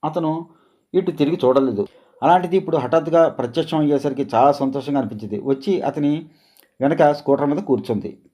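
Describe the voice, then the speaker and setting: A man narrating a scripted story in a calm, even storytelling read. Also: a little high, fairly quick.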